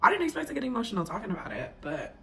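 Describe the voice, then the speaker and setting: A woman's voice: mid-range voice, huge pitch swings, very fast, creaky, bright, forceful tone, a little hiss or hum. A woman in her twenties talking to camera in a casual vlog. She is chatty and emotional, uses many fillers, and sometimes drops to a near whisper. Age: 20s. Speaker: vlogger.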